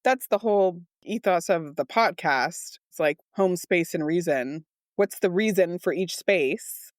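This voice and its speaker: A woman's voice: fairly low pitch, measured pace, no echo, studio quality. Woman with a slightly shaky, congested voice. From Southern California. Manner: steady voice with shaky moments. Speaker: podcast co-host. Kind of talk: casual podcast chat.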